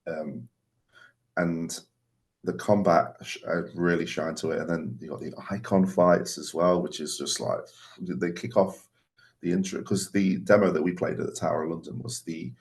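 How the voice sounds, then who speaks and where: Low-voiced guy guesting on a podcast, chill, kinda working it out as he talks. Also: steady tone, normal speed, darkish tone. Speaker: video content creator, podcast guest. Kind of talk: casual interview chat.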